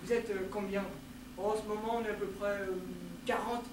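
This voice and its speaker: A man playing a calm, friendly young actor. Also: high voice, fairly quick, background noise, pitched below the performer's own voice, lightly acted. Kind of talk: one-man stage show. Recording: echoey live stage from far off.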